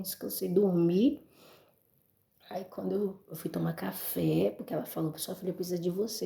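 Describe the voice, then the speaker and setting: Gravelly low-voiced Brazilian woman testifying. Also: warm tone, roomy sound. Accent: Brazilian Portuguese. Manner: emotional, addresses listeners as brothers and folks. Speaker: testimony speaker. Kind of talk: emotional church testimony.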